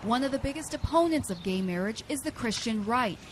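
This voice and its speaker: A woman TV reporter, giving measured scripted voice-over narration. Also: on the high side, animated, slight background noise. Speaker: TV news reporter.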